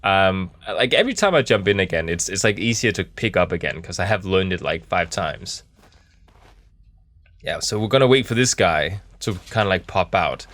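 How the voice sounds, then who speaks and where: A man's voice: sits low, expressive, moderate pace, fairly bright tone. A man giving casual, joking game commentary, thinking aloud in a laid-back, rambling way as he streams. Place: small office in a camper.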